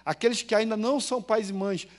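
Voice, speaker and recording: A Brazilian man preaching a sermon as pastor in a church, telling stories, asking the congregation questions and swinging between loud and hushed. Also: high-pitched, steady tone, fast talker. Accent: Brazilian Portuguese.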